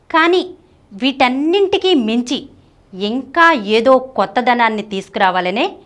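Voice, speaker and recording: A channel presenter narrates a scripted women's fashion video, speaking straight to viewers and posing rhetorical questions. Her voice is mid-range with a fairly bright tone, and background music plays.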